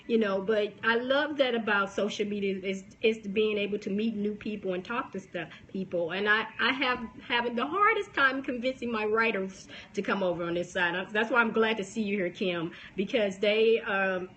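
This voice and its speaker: On a phone live stream, a book promotion coach and podcaster in her forties chats animatedly about promoting books, with a youthful, baby-like voice and lots of restarts and laughs. Her mid-range, fairly bright voice runs at normal speed with hardly any pauses, and the poor audio has a little hiss or hum.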